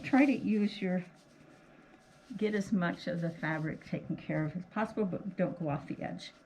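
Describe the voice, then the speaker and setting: A woman speaking through a face mask, giving a casual hands-on craft demonstration and talking along as she works. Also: medium pitch. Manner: homely, talks along while working, often checks with "okay". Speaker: craft tutorial host. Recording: clearly noisy, clicks of handling.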